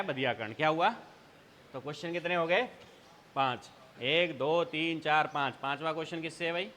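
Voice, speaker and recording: A man's voice: fairly high pitch, pushed and bright. A male teacher giving an exam revision lecture, asking a question, answering it, then asking again. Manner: quizzing students with repeated call-and-response questions. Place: classroom. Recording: hall reverb.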